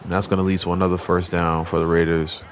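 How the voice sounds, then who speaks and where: A young man giving relaxed, conversational play-by-play commentary over a football video game. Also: low-pitched, quick pace, a little hiss or hum. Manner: relaxed, conversational, mild restarts. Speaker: gaming commentator.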